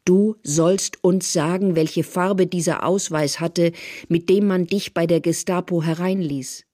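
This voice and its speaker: A reader voicing a fierce young woman interrogator who shouts harsh demands, with a husky voice, in a radio drama. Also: medium pitch, animated, slow pace, no room sound, clean studio sound, pitched above the performer's own voice, full character voice. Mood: cold demand. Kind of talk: German radio drama reading.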